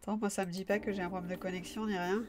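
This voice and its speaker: A woman's voice: medium pitch, level tone, rapid-fire, noisy background. A young woman from France hosting a live stream, chatting loosely with viewers, full of fillers and restarts. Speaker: livestream host. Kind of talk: casual live chat with viewers.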